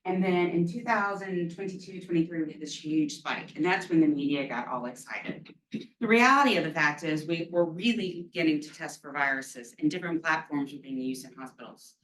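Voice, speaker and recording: A woman's voice: deep voice, brisk, a bit bright, slight background noise. A woman giving an academic lecture on a virus, chatty with frequent ums and offhand self-deprecating asides, recorded in a lecture room. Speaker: infectious disease lecturer. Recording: roomy hall from far off.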